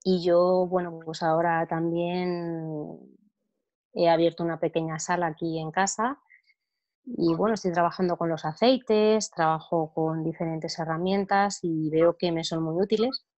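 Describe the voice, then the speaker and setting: A woman's voice: lowish voice, steady tone, unhurried, highs cut off. A woman from Madrid with a Spain Spanish accent, sharing her thoughts on a video call in a hesitant, reflective way. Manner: hesitant, reflective, soft trailing ends. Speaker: participant.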